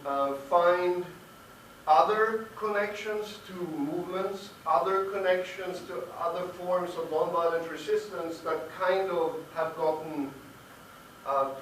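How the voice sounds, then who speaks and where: A male academic panelist giving a hesitant roundtable talk full of fillers. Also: high voice. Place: conference room. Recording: echoey room, distant mic, faint noise.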